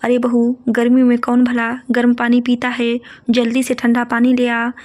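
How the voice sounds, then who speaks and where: A strict, controlling mother-in-law from a storybook tale, put on by a woman narrator. She talks in a scolding, bossy way, in a fairly high voice with little rise and fall. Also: completely flat delivery, normal speed, lightly acted.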